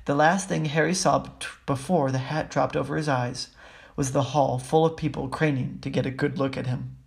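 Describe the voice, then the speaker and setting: Man, audiobook reader, steady storybook reading, gravelly voice. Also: mid-range voice, moderate pace. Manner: steady and even, with small slips.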